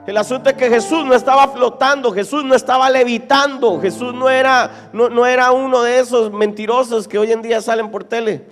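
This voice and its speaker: A man preaching a sermon as pastor to a live congregation, animated and dramatic, questioning the listeners directly and acting out scenes from the text. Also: very high voice, brisk, hardly any pauses. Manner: animated, dramatic preaching, acts out Bible quotes. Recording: reverberant church hall with keyboard music.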